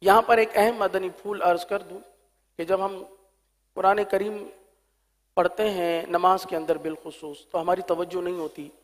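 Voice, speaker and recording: A man teaching Quran recitation, explaining quickly and then chanting the verses slowly and drawn out. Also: high-pitched, fairly even intonation, in a large hall. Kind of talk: tajweed lesson with chanted demonstrations.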